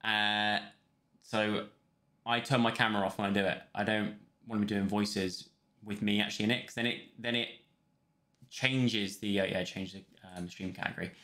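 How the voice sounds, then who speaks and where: A man's voice: lowish voice, steady tone, normal speed, sharp tone. A young man chatting casually on a live stream, rambling between topics and thanking viewers. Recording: roomy sound with faint music.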